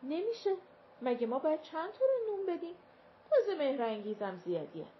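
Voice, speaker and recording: A woman voicing a stern, sharp-tongued mother of the house in a storybook reading, curt and dismissive. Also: high voice, lively intonation, voice pushed up. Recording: dull lo-fi recording with faint hiss.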